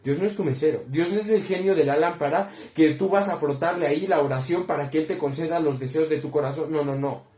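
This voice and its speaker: A man's voice: fairly high pitch, fast talker, warm tone. Earnest young man teaching the Bible. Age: young adult. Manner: earnest, repeatedly addresses listeners as brothers. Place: room with bookshelves behind him. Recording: roomy echo.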